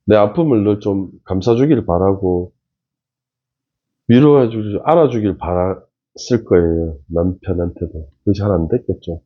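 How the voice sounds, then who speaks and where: A man's voice: sits low, measured pace, breathy edge, dull audio. A man giving casual commentary on a TV show, emphatic and talking straight to viewers. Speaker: face-reading commentator.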